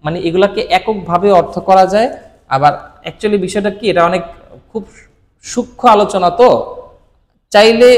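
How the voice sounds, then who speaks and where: A Bengali-speaking man gives a relaxed Japanese lesson, quizzing the viewer and answering his own questions. His voice sits a bit high for a man. A long reverb trails his words. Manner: asks questions then answers them himself; frequent "thik ache?" check-ins to the viewer. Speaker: Japanese language teacher. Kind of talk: casual explanatory lesson.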